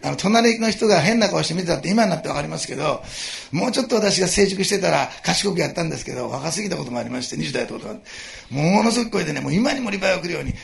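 Middle-aged male pastor, gravelly and fairly high, lively sermon delivery that swings up and down, asks the congregation questions. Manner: animated, chuckling preacher who asks the congregation questions.

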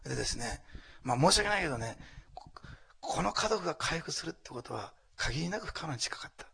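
Husky, animated Japanese pastor preaching. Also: male voice, on the high side, fairly quick. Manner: animated, acts out quotes, drops to whispers. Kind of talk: sermon with closing prayer. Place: church hall before a congregation.

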